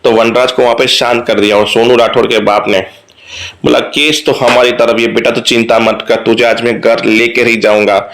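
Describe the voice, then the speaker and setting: A man's voice: medium pitch, little pitch movement, fairly bright tone, a little hiss or hum. A man with an ordinary mid-range voice recaps a TV serial episode in a loose, conversational way. He strings the scenes together and drops the characters' lines into his own telling, without putting on voices for them. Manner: retells scenes quickly, quoting characters' lines in plain voice.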